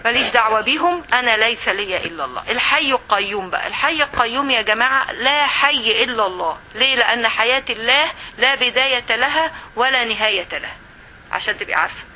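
Rapid, bright-voiced Egyptian woman teaching. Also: a little high, lively intonation, a little hiss or hum, low-quality recording. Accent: Egyptian Arabic. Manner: checks in often with "okay?", rhetorical questions. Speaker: religious teacher. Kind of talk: religious lesson to women.

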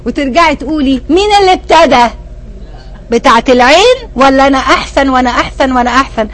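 A woman's voice: sits high, fast talker, a bit bright. An older woman with an Egyptian Arabic accent giving a religious lesson to women, emphatic and full of rhetorical questions aimed straight at her listeners. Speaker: religious teacher.

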